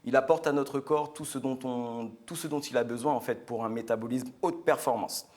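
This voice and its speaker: A man's voice: mid-range voice, fairly even intonation, normal speed, darkish tone. Earnest man presenting from a studio. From French Guiana. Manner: earnest, chatty, with many fillers and restarts. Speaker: guest speaker. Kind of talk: product presentation on a live show.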